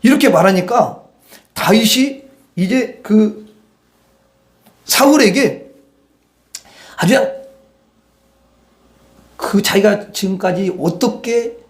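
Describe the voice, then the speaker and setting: A male preacher delivers a Sunday sermon in a fairly high voice. He tells the story in an animated way, slipping into the characters' dialogue and calling on the congregation to read verses aloud with him. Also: slow pace, pauses often. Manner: storytelling, acts out dialogue from Bible stories. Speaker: pastor.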